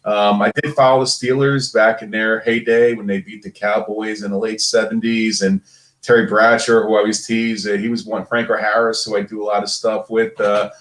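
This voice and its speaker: A Brooklyn-born sports figure in his 50s, with a low voice and a Brooklyn, New York accent, chats casually as an interview guest, reminiscing in a rambling, familiar way full of joking asides. His delivery is flat at a moderate pace with a fairly bright tone, and the recording sounds roomy and echoing.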